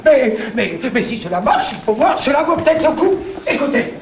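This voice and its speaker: A man's voice: very high-pitched, sing-song, moderate pace, full character voice. A man playing a haggling, blustering master in a theatrical stage comedy, arguing emphatically and repeating himself. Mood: haggling, insistent. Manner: emphatic, repetitive, argumentative. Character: haggling, blustering insomniac master posing as human Pollux. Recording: distant, echoey, faintly noisy stage recording.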